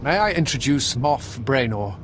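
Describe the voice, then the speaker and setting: An actor playing an earnest, deferential military commander in a video game, polite and formal. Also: male voice, medium pitch, animated, moderate pace, fairly bright tone, slight background noise, lightly acted. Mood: grateful.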